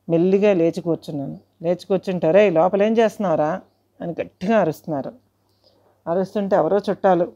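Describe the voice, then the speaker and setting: Low, mellow-toned female narrator for a spoken story; measured pace, lo-fi dull recording. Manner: measured, addresses listeners politely. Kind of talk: first-person storytelling.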